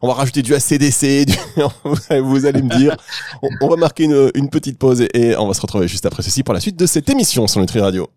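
A man's voice: mid-range voice, lively intonation, fast, warm tone. A man hosting a radio interview, chatty and bantering with his guest. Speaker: radio host.

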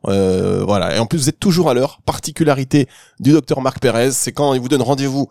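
A man's voice: mid-range voice, fairly quick, creaky, a little mellow, dry recording. A man hosting a radio interview, chatty and bantering with his guest. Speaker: radio host.

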